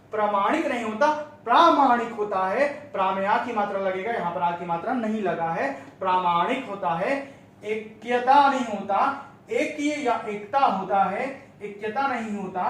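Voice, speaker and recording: A man teaching an exam-prep grammar lesson, slowly repeating correct and incorrect forms to drill them in. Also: high voice, a little hiss or hum. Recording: very echoey room, mic at a distance.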